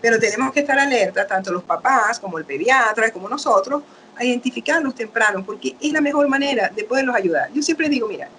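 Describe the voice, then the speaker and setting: A woman's voice: fairly high pitch, expressive, fast, fairly bright tone, a little hiss or hum. A middle-aged woman doctor, explaining patiently in an interview. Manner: patient, explanatory, acts out quoted parents and children. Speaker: doctor, guest expert. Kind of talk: explaining casual interview talk.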